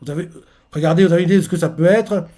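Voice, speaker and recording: A man's voice: a little high, rapid-fire, mellow. A man reacting live to a manga chapter, rambling with many fillers and self-corrections.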